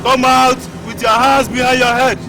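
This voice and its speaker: A man's voice: very high-pitched, flat delivery, moderate pace, rough recording. A man with a Nigerian accent playing a police officer barking orders through a megaphone, with tense music behind. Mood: commanding.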